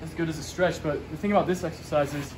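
A man's voice: a little high, fairly even intonation, quick pace, noisy background. A young man with a playful, joking manner, showing chest exercises at home. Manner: playful, bro-ish banter while exercising. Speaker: workout vlogger. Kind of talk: joking workout demo. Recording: music playing underneath. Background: background music.

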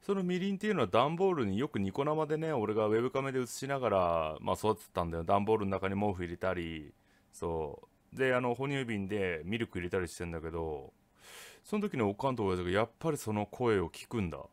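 A man telling a ghost story from his own life in a rough, casual way of talking. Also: on the low side, fast talker. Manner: rough, casual speech with lively swings. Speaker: ghost story teller, channel host.

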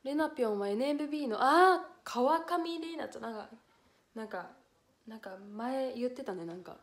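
A woman's voice: a little high, lively intonation, moderate pace. A young woman chatting on a solo livestream, reading letters aloud and getting close to tears. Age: young adult. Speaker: livestream idol host. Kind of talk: casual solo livestream chat. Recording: echoey room with faint noise.

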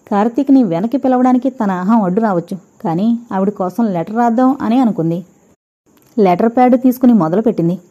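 A woman reading a dramatic audio novel, voicing every character's dialogue herself with gentle shifts. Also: fairly high pitch, lo-fi sound. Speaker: audiobook narrator.

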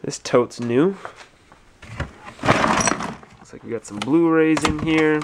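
A man's voice: on the high side, slow, very noisy. A man thinking aloud in a casual vlog as he sorts through totes in a cluttered stock room, filmed on a handheld camera. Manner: musing, thinking aloud while sorting. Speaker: resale store owner. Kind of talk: casual narrated unboxing vlog. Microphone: handheld or head-mounted camera.

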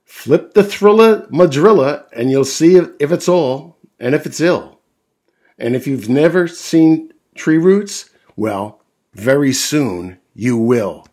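Guy putting on a peppy rhyming cartoon cat, kinda husky, super lively. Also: on the high side, slow pace. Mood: excited. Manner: bouncy, rhyming sing-song delivery. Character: cheerful, excitable cat in a tall hat.

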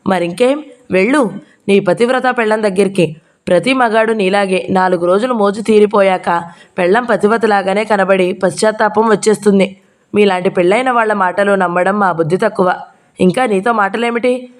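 A woman's voice: mid-range voice, moderate pace, lightly acted. A woman voicing a young working woman who snaps curt, dismissive retorts at her lover. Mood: contemptuous. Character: sharp-tongued young woman, a married man's lover. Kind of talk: audiobook character reading.

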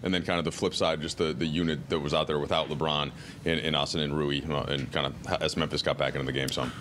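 A man reporter asking a coach questions at a press conference, halting and restarting his words. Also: rumbling low, little pitch movement, fairly bright tone, slight background noise. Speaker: sports reporter.

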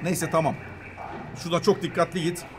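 A man hosting a children's gaming video, giving excited let's-play commentary with his son, shouting reactions and throwing in English exclamations. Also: a little high, brisk, slight background noise. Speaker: gaming channel host playing with his son.

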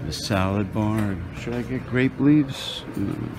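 There's background noise as a vlogger with a fairly low voice slowly films his trip along a restaurant buffet on his phone. He chats casually and mutters to himself while selecting food.

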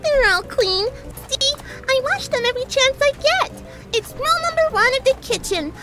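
A woman's voice: extremely high pitch, expressive, moderate pace, loud music behind the voice, poor audio. A woman voicing a hyper, chatty young female pony baker in a fanfic reading, bubbly and rambling.

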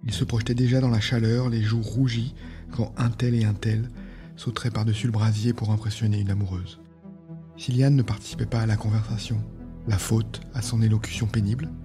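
A male podcast host reading a fantasy novel aloud in a calm, measured narration. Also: on the low side.

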